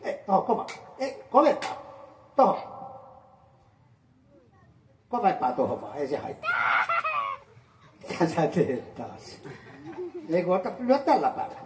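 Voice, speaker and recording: A woman's voice: long pauses, shouting. A woman doing a playful magic show for children, teasing her young helpers and calling out the magic words. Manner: teasing, animated, bursts into high calls on magic words. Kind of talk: playful stage patter with a child audience. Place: amusement park show area. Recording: roomy, distant sound with faint ambient noise.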